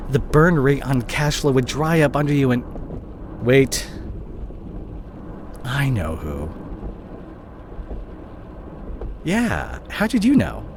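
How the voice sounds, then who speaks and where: Playing a disgraced CEO boyfriend consumed by guilt, a man speaks to his partner, the listener, in an audio roleplay with clear car ambience. At medium pitch, he voices agitated realization, halting and emotional, repeating words and trailing off mid-word.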